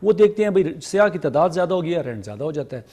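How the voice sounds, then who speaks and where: A man's voice: on the high side, big pitch swings, a little mellow. A man speaking as a guest on a TV talk show, earnest and repeatedly cutting in to make his point. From Pakistan. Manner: earnest, interjecting, repeats himself. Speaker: studio guest.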